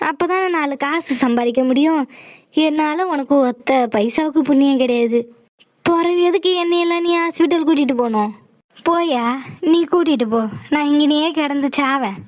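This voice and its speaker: A woman's voice: high voice, normal speed, no echo, lightly acted. A woman voicing a scheming, self-pitying old mother-in-law in a cartoon, complaining and guilt-tripping. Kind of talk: cartoon voice acting.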